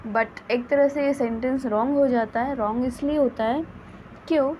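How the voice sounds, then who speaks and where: A woman teaching a grammar lesson, dictating example sentences slowly and carefully. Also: sits high, steady tone, a little mellow, lo-fi sound, slight background noise. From India. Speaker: English teacher.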